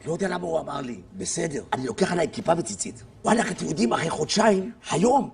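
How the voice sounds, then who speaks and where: A man preaching a fiery religious sermon, shouting and breaking into sing-song outbursts. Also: sits high, gravelly, slightly rough. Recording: distant voice with faint noise.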